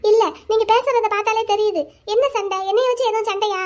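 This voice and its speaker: Young wife in a cartoon story, gentle, coaxing, rapid delivery; a woman voices her. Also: very high-pitched, steady tone. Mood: pleading. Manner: coaxing, questioning.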